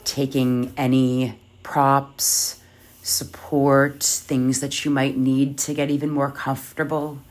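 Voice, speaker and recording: Meditation guide, soft and soothing, slow measured phrasing, long pauses, medium pitch, yoga nidra style. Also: completely flat delivery.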